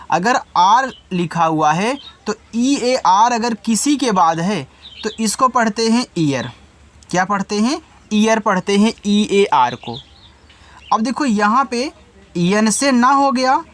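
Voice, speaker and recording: A man teaching beginners to read, patiently spelling words out letter by letter and speaking directly to the student. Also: high voice. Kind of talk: spelling and reading lesson for beginners.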